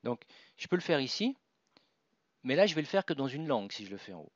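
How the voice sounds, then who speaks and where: A man narrates a software tutorial at his computer, describing each click as he makes it and restarting his sentences now and then. The sound is dry and somewhat dull, with mouse clicks in the background. His voice sits at an ordinary middle pitch. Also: very animated, quick pace, no echo. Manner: talks through each click, with fillers and restarts. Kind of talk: screen-recorded software tutorial.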